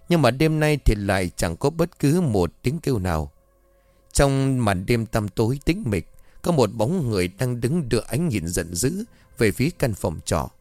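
A man reading a first-person horror story aloud in a slow, suspenseful narrating manner. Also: mid-range voice, darkish tone, dry recording.

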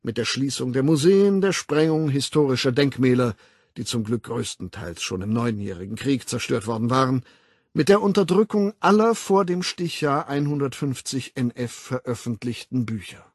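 A male audiobook narrator with a husky, slightly breathy voice. He reads with lively swings of pitch and firm emphasis. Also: moderate pace, no echo, clean studio sound.

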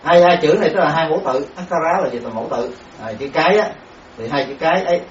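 A man, a Buddhist monk, giving a dharma lecture on Abhidhamma, speaking haltingly with many repeated words and sounding out syllables. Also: on the high side, a little hiss or hum. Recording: echoey room, distant mic, dull sound.

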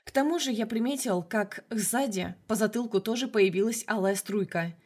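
A woman narrating a novel in an even, measured storytelling voice. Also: a little high, breathy edge. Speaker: audiobook narrator. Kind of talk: audiobook narration.

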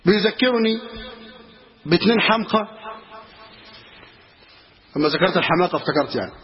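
A man's voice: high voice, a little fast. A man with an Egyptian Arabic accent teaching a religious lesson as a sheikh, telling stories with asides and humor. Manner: lively storytelling with asides and humor. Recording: dull lo-fi recording.

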